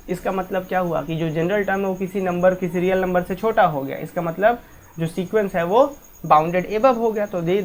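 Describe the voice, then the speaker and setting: Woman teaching maths, full of questions. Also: mid-range voice. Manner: asks students many rhetorical questions; mixes English maths terms into Hindi. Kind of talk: explaining a lesson step by step.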